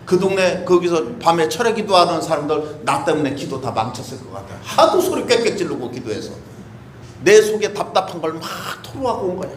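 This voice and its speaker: A man's voice: a little high, big pitch swings, fairly quick. A male pastor preaching a sermon, talking conversationally with many rhetorical questions and acting out prayers. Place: church sanctuary. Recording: echoey church room with faint hiss.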